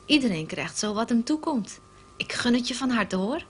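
Storybook housewife, playful and mock-innocent, pitched up, as a woman narrator puts her on. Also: big pitch swings, moderate pace, a little hiss or hum. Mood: sweetly sly. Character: teasing, mischievous housewife.

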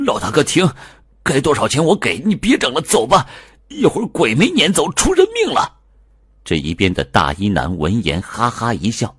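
A man's voice: sits low, husky, no echo, studio quality. A man narrating an audiobook in the first person, telling the story expressively.

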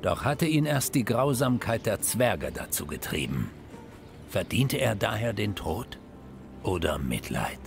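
A man narrating a fantasy game as a storyteller, solemn, dramatic and deliberate. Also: fairly low pitch, big pitch swings, creaky, heavily acted. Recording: music behind the voice.

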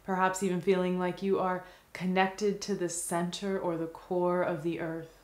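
A woman guides a meditation in a low, gentle voice, keeping her delivery extremely level. Long pauses fall between each soothing phrase, and the roomy recording carries a clear echo around her.

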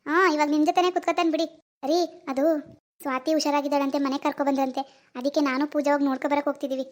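A performer voicing a caring, cautious middle-aged mother-in-law in an animated family drama. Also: high voice, rapid-fire, lightly acted. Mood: concerned. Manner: firm but caring, worrying.

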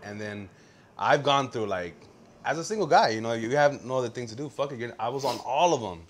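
A young man speaks quickly on a casual comedy podcast. He throws in slang and curses freely as he banters with his co-host. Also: medium pitch, lively intonation. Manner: fast, slangy and profane.

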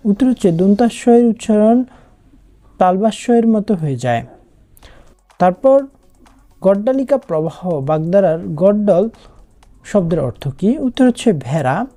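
A woman's voice: medium pitch, expressive, a little slow, long pauses, dark tone. A woman with a Bangladeshi Bengali accent, working through exam prep questions as a tutor, reading each question and then giving its answer. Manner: reads questions then gives answers, with some restarts.

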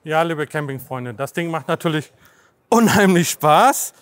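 A man in his fifties hosting a casual trade-fair interview, chatty and quick to agree, standing in a large exhibition hall. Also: a little high, lively intonation. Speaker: host, interviewer.

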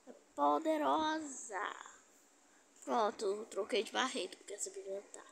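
A woman's voice: medium pitch, fairly even intonation, fast, vocal fry, a little hiss or hum. A woman giving chatty gameplay commentary, talking to her viewers and teasing opponents. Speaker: gaming streamer.

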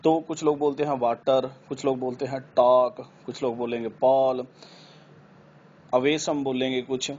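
A man teaching a lesson, explaining step by step and saying example words louder and drawn out. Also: mid-range voice, fairly even intonation, measured pace. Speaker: English pronunciation teacher. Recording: slightly dull with faint background noise.

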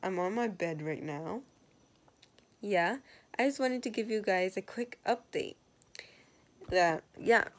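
A woman's voice: medium pitch, slow, long pauses. A woman filming a rambling, chatty vlog update in her bedroom at home, with the hiccups. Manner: rambling, chatty, lots of fillers. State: has the hiccups. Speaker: vlogger.

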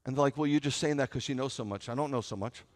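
A middle-aged American rabbi delivers a sermon from the pulpit of a large sanctuary to seated listeners, the hall's reverberation audible. His medium-pitched voice comes rapid-fire, and he's conversational and wry, using repetition and rhetorical questions for emphasis.

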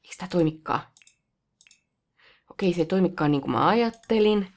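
A woman hosting a let's play, chatting casually as she plays and talking to the game characters, with sudden excited high outbursts.

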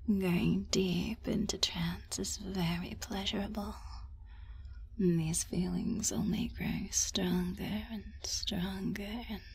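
A woman whispers a guided ASMR hypnosis script in a breathy, mid-range voice with a steady tone, soothing yet commanding and suggestive. She leaves long, drawn-out pauses, and there's a little hiss or hum in the recording.

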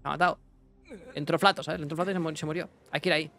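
A young man giving casual let's-play commentary, excitable, talking to himself and his chat with bursts of yelps. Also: a little high, rapid-fire, vocal fry, slight background noise. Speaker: gaming streamer.

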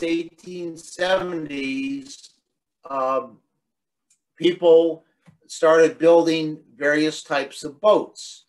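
A middle-aged man giving an illustrated talk over a video call from a room at home, explaining at a relaxed pace with many fillers and restarts. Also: on the high side, low-quality recording. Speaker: guest lecturer. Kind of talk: illustrated online presentation.

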